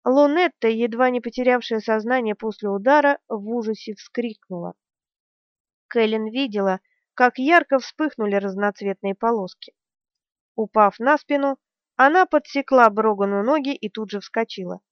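A woman's voice: a little high, moderate pace, no echo. A woman reading a fantasy audiobook with tense, vivid storytelling. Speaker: audiobook narrator. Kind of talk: dramatic fantasy audiobook narration. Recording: dry, dull lo-fi recording.

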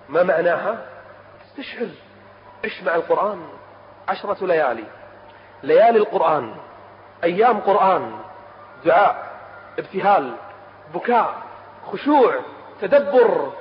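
A male preacher with a Kuwaiti Gulf Arabic accent delivering an emotional sermon, swinging from fervent cries to hushed tones and chanting verses of scripture. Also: high-pitched, animated, moderate pace, long pauses. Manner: impassioned, rising to cries then dropping to hushed tones. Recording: dull lo-fi lecture recording with faint hiss.

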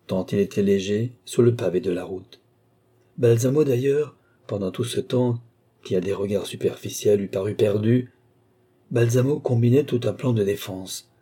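A man narrating a classic novel as an audiobook reader, in a measured, dramatic storytelling manner. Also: fairly low pitch, warm tone, breathy edge.

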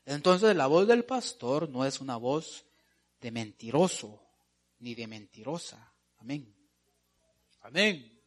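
A man preaching a sermon to his congregation, asking them questions and repeating words for stress, going from soft to loud. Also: medium pitch, animated, takes it slowly, pauses often. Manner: calls the listeners "hermano" and asks them questions.

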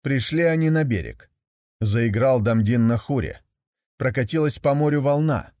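A man narrating a folk tale in a measured storytelling manner. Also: medium pitch, a little mellow, no echo, studio quality.

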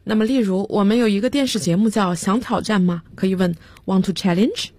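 A woman with a slightly husky voice gives a radio English vocabulary lesson. She spells each word slowly, letter by letter, and explains it with examples. The sound is dry and close, with no room around it. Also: mid-range voice, darkish tone, dry recording. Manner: spells words out letter by letter, slow and careful. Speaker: English teacher.

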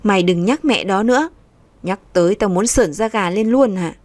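A woman voicing a stubborn, sharp-tongued pregnant young woman who answers with brash, scornful retorts. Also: medium pitch, moderate pace, no room sound, lightly acted. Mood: defiant.

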